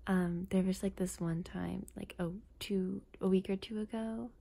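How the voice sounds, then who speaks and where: A woman speaking softly in a casual, personal ASMR style, hushed and breathy, often slipping into a whisper. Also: medium pitch, fairly even intonation, a little slow. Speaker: ASMR content creator. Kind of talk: soft-spoken ASMR, casual personal talk.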